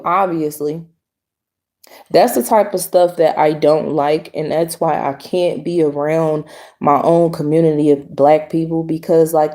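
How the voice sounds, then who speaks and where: A woman's voice: lowish voice, warm tone. A young adult woman vlogger giving a casual opinion monologue to the camera, blunt and emphatic, repeating her points.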